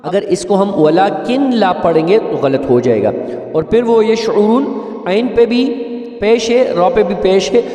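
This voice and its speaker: A man teaching a recitation lesson, explaining briskly and then chanting each example slowly and melodically. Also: sits high, expressive, warm tone. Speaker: Quran teacher. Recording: echoey hall, distant mic, faint music.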